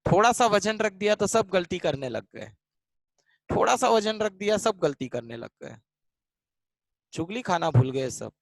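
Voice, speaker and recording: Man, online grammar teacher, slow deliberate speech, slightly high voice, repeats lines, dry close sound. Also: big pitch swings, creaky, no room sound, rough recording. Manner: calls out students by name, repeats lines, drills answers; switches between Hindi and English mid-sentence. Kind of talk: live online class teaching in Hindi.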